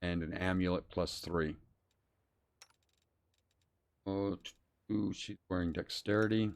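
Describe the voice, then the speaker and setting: Male game streamer with a lower-register voice, muttering casually through live play commentary and on-screen text. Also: steady tone, normal speed, gravelly. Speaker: streamer playing a role-playing game.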